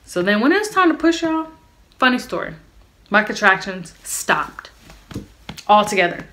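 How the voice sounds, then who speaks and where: A woman's voice: medium pitch, big pitch swings, moderate pace, bright, forceful tone. A young woman telling a personal story to her viewers in a candid, chatty way, talking straight to them. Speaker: vlogger. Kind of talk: storytime vlog.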